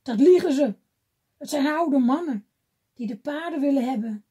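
A woman's voice: high-pitched, lively intonation, slow pace. A woman putting on an angry old troll witch. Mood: furious. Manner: shouting, threatening.

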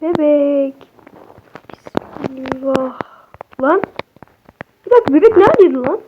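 Casting: young woman gaming streamer, high voice, excitable, chatty, slightly muffled mic. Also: measured pace, a little hiss or hum. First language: Turkish. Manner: excitable, talks to viewers, swears at the game. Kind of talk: casual horror game commentary.

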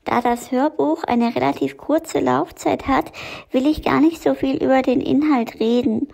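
Eine Frau, die in ihrem Video Hörbücher vorstellt und ruhig und geordnet bespricht. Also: female voice, high-pitched, fairly even intonation, unhurried, vocal fry, warm tone. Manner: plain, orderly presenting. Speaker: audiobook reviewer. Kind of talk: book review vlog.

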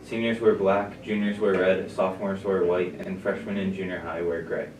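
Give me a deep-voiced young man announcing over a loudspeaker. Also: moderate pace, echoey room, recorded from a distance, a crowd in the background, low-quality recording. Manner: steady, plain reading. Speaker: student announcer. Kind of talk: reading morning school announcements.

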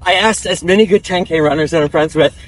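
A man in his twenties chatting casually in breathy short phrases as he runs outdoors while being interviewed. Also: a little high, fast. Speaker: professional distance runner being interviewed. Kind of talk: casual chat while running. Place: outdoors on a dirt country road, on the move.

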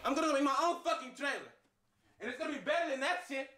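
A man's voice: very high-pitched, expressive, fast talker, pushed and bright, full character voice. A young man playing a resentful, stubborn Luigi, the overlooked brother, in a comedy skit. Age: young adult.

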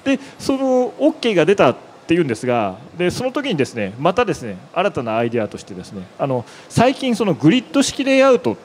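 A man's voice: on the high side, huge pitch swings, fast talker, hardly any pauses, darkish tone, a little hiss or hum. A man presenting a web demo on an exhibition stage into a handheld mic, explaining step by step with many filler words. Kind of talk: conference presentation.

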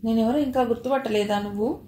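A woman's voice: a little high, quick pace, slight background noise, lightly acted. Woman voicing a harsh, commanding hero man. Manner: harsh, shouting threats. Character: bold, fearless young male hero, commanding. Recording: roomy echo.

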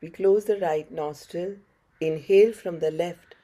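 A woman's voice: lowish voice, measured pace, dark tone. A middle-aged woman with a North Indian accent teaching a yoga class in short, encouraging instructions. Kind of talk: guided online class instruction. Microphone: facing camera, head-and-shoulders webcam framing.

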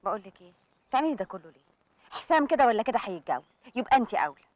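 A blunt, teasing Egyptian friend. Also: female voice, a little high, big pitch swings, racing, darkish tone, no echo. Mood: frank. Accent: Egyptian Arabic. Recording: slightly muffled film soundtrack.

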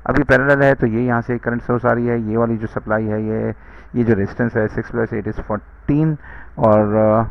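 A man records a university video lecture, speaking straight to his students and pausing on uh fillers as he works through a problem. His voice sits a little low and has a gravelly edge. The recording sounds dull and lo-fi. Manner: code-switching into English, frequent uh fillers, direct address to students.

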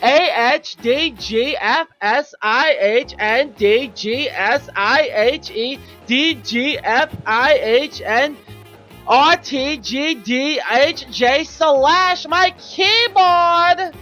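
A woman voicing an excitable young woman artist in a fan voice-over of chat messages, giggly and gushing. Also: sits high, very slow, soft background music, exaggerated voice. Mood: excited. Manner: giggly, gushing, bursts into squeals.

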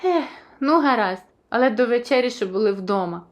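Жінка озвучує добродушного тата-тиранозавра з казки, говорить лагідно й по-батьківськи. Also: female voice, a little high, animated, moderate pace, natural voice. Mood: good-natured. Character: kindly father tyrannosaurus.

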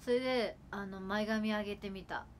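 With a steady, mid-range voice at moderate pace and slight background noise, a twenty-something idol from Kagawa, Japan, livestreams casually at home with her sister. She speaks Kagawa dialect, rambling and chatty, with frequent fillers.

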